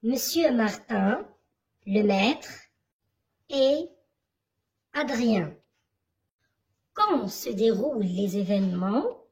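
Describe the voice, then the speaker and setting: A primary school teacher with a high, animated voice walks children through a text during a reading lesson. She speaks slowly at a measured pace, asking questions and explaining in a didactic way.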